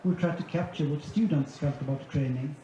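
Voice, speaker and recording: In a large conference hall, a man with a fairly high, mellow voice gives a brisk presentation, methodically laying out his points one at a time. The recording is echoey and dull, with faint ambience.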